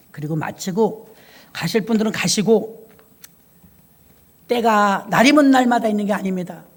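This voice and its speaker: A woman pastor preaching in a church, telling her story in lively bursts and hushed asides. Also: medium pitch. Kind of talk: sermon.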